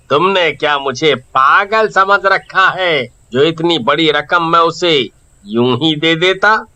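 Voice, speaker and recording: A man's voice: a little high, slow, bright, forceful tone, exaggerated voice. A man voicing a greedy, gloating rich master in a cartoon, with a smug, drawling manner.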